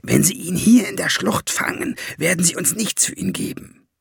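A sneering little dwarf, put on by a male narrator, all mocking glee and greedy scheming, his voice pitched up high and swooping. A gravelly, husky edge sits under it, recorded close and dry for an audiobook. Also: wildly swooping pitch, slow pace, pushed and bright, no echo, heavily acted. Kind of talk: audiobook character voice.

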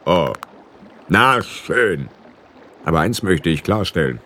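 A man voicing a grumpy old ferryman of the underworld who speaks slowly and sternly. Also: deep voice, sing-song, bright, forceful tone, a little hiss or hum, voice pushed down, exaggerated voice. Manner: slow, stern, weary. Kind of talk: audiobook character voice.

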